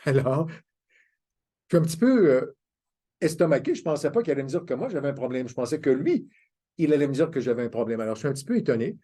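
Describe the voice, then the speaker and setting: A man's voice: medium pitch, big pitch swings, fast talker, dark tone. An older man, giving a conference talk as a self-mocking, anecdotal storyteller. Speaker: conference speaker. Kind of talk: storytelling lecture.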